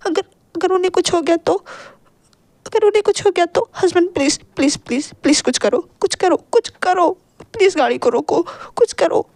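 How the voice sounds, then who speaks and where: A frightened young mother begs in a high, breaking voice, stumbling over her words, as a woman narrator acts her out. The recording is close and dry. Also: fairly even intonation, moderate pace, few pauses, a little mellow, no room sound. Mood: pleading. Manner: sobbing, stammering pleas. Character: terrified young mother pleading to save her children.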